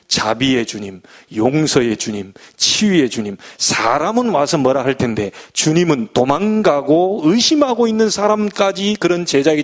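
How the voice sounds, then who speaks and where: A middle-aged man preaching a sermon as a pastor, animated and acting out the voices he quotes. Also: fairly high pitch.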